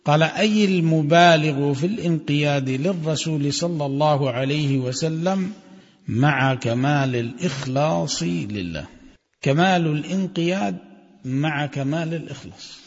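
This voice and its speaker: A man giving a religious lesson, reading a text aloud and explaining it in a measured way, chanting the quoted passages. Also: fairly high pitch. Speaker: religious teacher. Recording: dull audio with long hall reverb.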